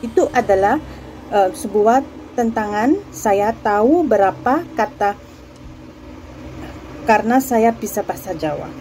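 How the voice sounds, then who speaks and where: A woman's voice: mid-range voice, expressive, a little slow, pauses often, dark tone, a little hiss or hum, poor audio. A young woman, not a native Indonesian speaker, giving a personal testimonial as a foreigner speaking Indonesian and mixing in English. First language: not Indonesian; Dutch and Javanese speaker. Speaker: former language student.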